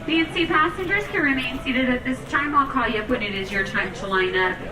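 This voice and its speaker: A woman's voice: sits high, fairly quick, a crowd in the background. A woman working as an airline gate agent, making boarding announcements over a public address system. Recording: echoey terminal PA, distant, background noise.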